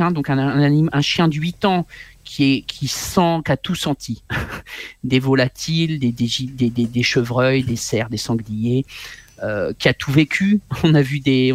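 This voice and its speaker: In an interview, a man in his forties who is a guest author recounts something from his own life. His medium-pitched voice comes through with no echo, and his delivery is lively yet stop-start, full of repeated words.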